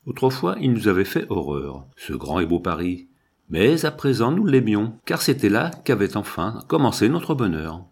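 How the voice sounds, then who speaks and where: Husky male audiobook narrator. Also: lowish voice. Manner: measured, expressive storytelling, slow at chapter headings. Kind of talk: scripted narration of a novel.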